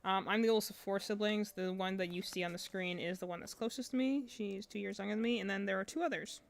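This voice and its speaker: Chatty young woman, smooth clear voice. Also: medium pitch, fairly even intonation, fast talker. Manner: chatty, self-deprecating, rambling with fillers. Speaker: streamer. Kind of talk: casual chat on a crafting stream.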